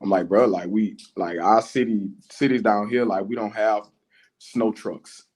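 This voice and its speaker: Co-host, man, lower register, relaxed slangy banter. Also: a little slow. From Louisiana. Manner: laid-back, slangy, laughs often. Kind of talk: casual chat. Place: home.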